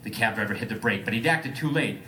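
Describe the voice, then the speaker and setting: A man's voice: lowish voice, quick pace, bright, forceful tone. A man reading a story aloud for comedy and breaking off to joke and ad-lib. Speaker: comedic reader.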